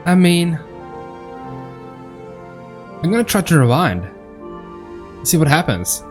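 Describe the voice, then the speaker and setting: A man commentates casually on his game playthrough, thinking aloud and repeating himself over the game music. His voice is fairly high with big pitch swings, and he speaks slowly.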